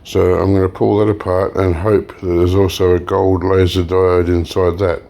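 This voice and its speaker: Speaking at normal speed, a man with a low, mellow, creaky voice demonstrates something for his e-waste recycling channel. He keeps it casual and relaxed, explaining as he goes with many fillers and restarts, a touch hoarse and clearing his throat.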